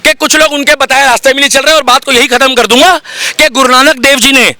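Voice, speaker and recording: A man giving his opinion in a heated street debate, forceful and argumentative, talking over others. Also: very high voice, fairly even intonation, fast. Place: busy city street outdoors.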